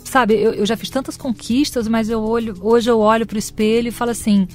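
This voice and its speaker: Faint music sits behind a middle-aged woman, a career coach, as she talks in a conversational interview. She is expressive and performs the voices of the people she quotes, her slightly high voice moving fairly quickly.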